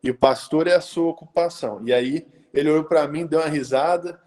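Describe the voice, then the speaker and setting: A man in his thirties from the interior of São Paulo state, Brazil, speaks as a pastor in a casual live stream. His voice is fairly high, brisk and somewhat dark. He talks conversationally, full of hesitation fillers and tag questions.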